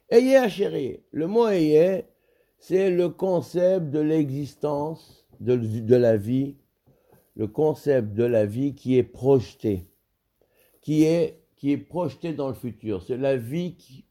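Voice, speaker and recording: A man's voice: mid-range voice, warm tone. A man teaching a Torah study lesson, explaining Hebrew verses with frequent restarts and repeated words.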